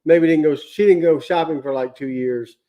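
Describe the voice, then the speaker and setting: A tired man chatting casually as co-host of a livestream, easygoing and quick with a "yep". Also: a little high, mellow. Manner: easygoing, says yep a lot. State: tired, yawning. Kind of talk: casual chat.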